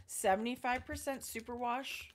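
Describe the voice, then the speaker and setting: A middle-aged woman chatting casually as a knitting podcast co-host, explaining her projects in detail with pauses and fillers. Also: on the high side, fairly even intonation, a little hiss or hum. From Canada. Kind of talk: casual chat.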